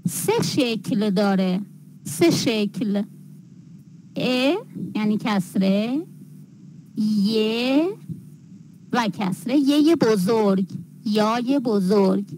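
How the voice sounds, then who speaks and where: A woman teacher giving a classroom lecture, dictating words slowly and repeating them. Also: mid-range voice, a little mellow, slight background noise, low-quality recording.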